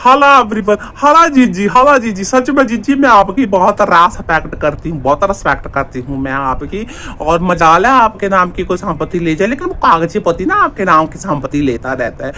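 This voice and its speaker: A man's voice: sits high, normal speed, few pauses, slight background noise, full character voice. A man playing a fawning, gossipy sidekick girl. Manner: flattering, repetitive, chatty. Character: fawning younger female sidekick vlogger, gossipy. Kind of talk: comic parody monologue.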